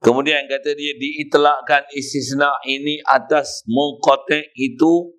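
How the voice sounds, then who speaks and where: A middle-aged man with a Malaysian Malay accent giving a kitab lesson in a prayer hall, telling stories and loudly demonstrating chanted recitations. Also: fairly high pitch, steady tone, a little slow. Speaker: religious teacher.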